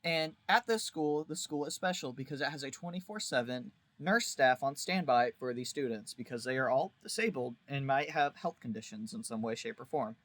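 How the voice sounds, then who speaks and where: In his casual video review of a visual novel, a man uses wry humor and emphatic exaggeration. His mid-range voice flows at a normal speed with few pauses, sounding a bit bright in a dry recording.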